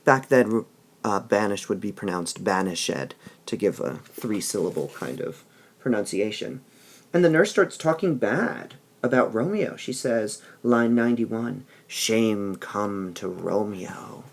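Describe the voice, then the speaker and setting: Male teacher, slow delivery, gravelly texture, explains step by step with frequent check-ins. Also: lowish voice, animated. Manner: explanatory, keeps checking in with "all right?". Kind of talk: literature lesson with read-aloud passages.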